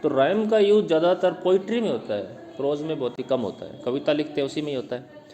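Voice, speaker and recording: A man teaching who reads definitions slowly, then explains them plainly for students. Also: fairly high pitch, dark tone. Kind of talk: lecture explaining literary terms.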